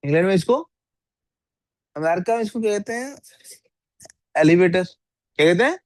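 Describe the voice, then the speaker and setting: A man's voice: high-pitched, lively intonation, normal speed, no echo. A male teacher giving a classroom lecture and often asking his students questions. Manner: asks the class frequent questions, scolds sleepy students.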